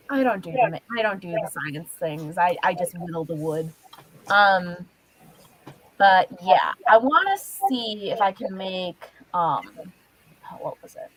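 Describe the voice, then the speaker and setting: A woman's voice: mid-range voice, a bit bright, low-quality recording. A woman cosplayer answering questions in character on a livestream, rambling with lots of fillers and hesitations. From Australia.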